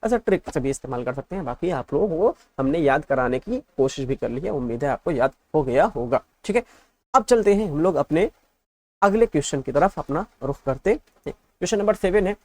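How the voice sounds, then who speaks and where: A man's voice: on the high side, animated, fairly quick, a little mellow, no echo. A male teacher giving an exam-prep lesson, patiently drilling letters in repeated lists and asking the class check questions.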